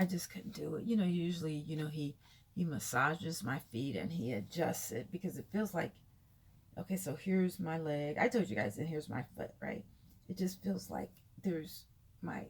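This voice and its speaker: A tired woman vlogger with a low-leaning, husky voice, a little mellow with vocal fry, chats casually and candidly about her day. She tells rambling stories conversationally, repeating herself for emphasis.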